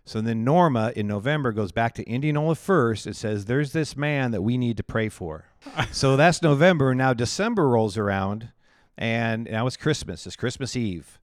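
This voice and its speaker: A man's voice: mid-range voice, lively intonation, normal speed, no room sound, clean studio sound. A male pastor telling his life story in an interview, candid and chatty, often laughing at himself.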